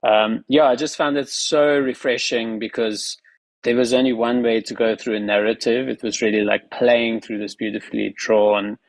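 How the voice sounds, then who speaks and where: A man's voice: mid-range voice, fairly even intonation, normal speed, no room sound, rough recording. A man talks enthusiastically on an online panel, his sentences loose and rambling. The sound from his earbuds is close and dry, with no room. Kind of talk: casual panel talk. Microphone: earbuds on video call.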